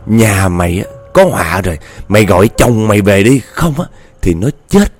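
A man's voice: fairly low pitch, lively intonation, moderate pace, darkish tone, faint music behind. A man voicing a drenched boy ghost who hisses threats. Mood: menacing. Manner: hissing threats.

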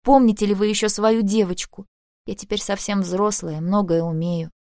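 A woman's voice: medium pitch, steady tone, normal speed, a little mellow, no room sound, studio quality, voice pushed up, close to an everyday voice. A woman voicing an older teenage girl from a labor camp, bitter and snapping, in an audiobook. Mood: mournful.

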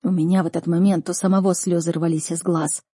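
A woman narrating a first-person audiobook in an earnest, expressive manner. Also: on the low side, fast, husky, dry recording, clean studio sound.

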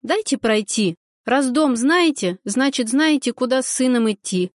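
Женщина-чтец озвучивает упрямую девушку, которая огрызается и возмущается. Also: female voice, high-pitched, lively intonation, unhurried, dry recording, studio quality. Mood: defiant. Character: stubborn young woman, defiant and snappy.

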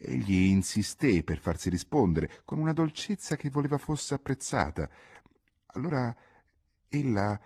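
A man narrating a classic novel as an audiobook reader, in an expressive, dramatic reading style. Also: medium pitch, a little slow, breathy edge.

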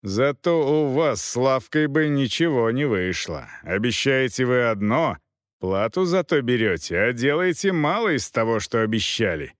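A man's voice: medium pitch, big pitch swings, normal speed, dry recording, studio quality, lightly acted. A man playing a proud, cutting knight. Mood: angry. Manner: cutting, accusing. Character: proud male knight, cold, haggling, quick to anger.

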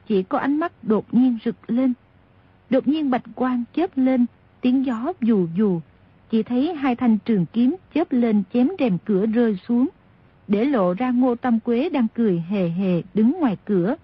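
A woman narrating a novel aloud in steady, expressive storytelling. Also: fairly high pitch, unhurried, slightly rough, no room sound. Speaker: audiobook narrator. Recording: dull lo-fi audio.

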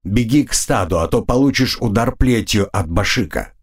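A stern, weary mother gives curt orders in a low voice, read by a man narrating an audiobook. The tone is husky and tired. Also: lively intonation, normal speed.

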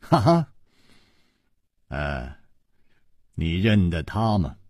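A man voicing a charming, amused martial hero who teases with slow, knowing lines. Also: fairly low pitch, big pitch swings, darkish tone, no room sound, studio quality, full character voice. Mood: teasing. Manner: smooth, teasing, laughing. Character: suave, amused swordsman hero, man in prime.

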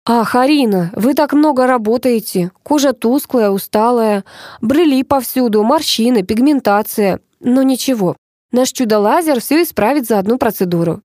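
A woman's voice: fairly high pitch, expressive, normal speed, darkish tone, no echo, clean studio sound, pitched above the performer's own voice, close to an everyday voice. A woman doing a chirpy sing-song beautician. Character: chirpy, fussy female beautician. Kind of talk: audiobook character reading.

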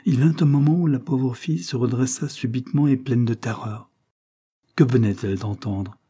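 A man narrating a classic novel aloud as an audiobook, reading in a measured, dramatic way. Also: lowish voice, mellow, husky.

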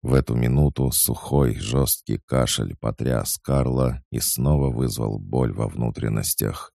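A man narrating an audiobook in a measured, even reading. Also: rumbling low, gravelly, no room sound, studio quality.

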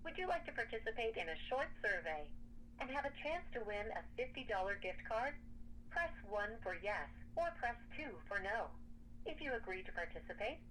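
A woman reading scripted automated phone menu prompts in a measured, formal manner. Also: fairly high pitch, big pitch swings, a bit bright. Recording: noisy telephone line recording.

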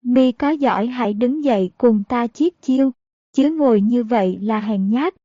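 A woman voicing a rude, hot-tempered male servant who talks in a gruff, threatening way. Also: a little high, moderate pace, dark tone, dry recording, lightly acted. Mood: scornful. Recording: dull, dry audiobook recording.

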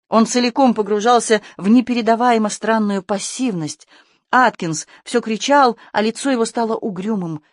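An audiobook narrator reading a tense adventure story with steady, scripted delivery. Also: mid-range voice, no echo, studio quality.

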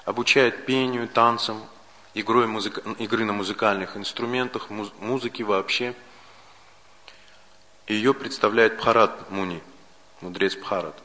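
A man's voice: on the low side, steady tone, sharp tone. Man lecturing in a reverberant hall. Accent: Russian. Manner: measured, enumerating points with repetitions. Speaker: lecturer on Vedic philosophy. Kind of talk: spoken lecture. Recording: archival lecture recording with long hall reverb.

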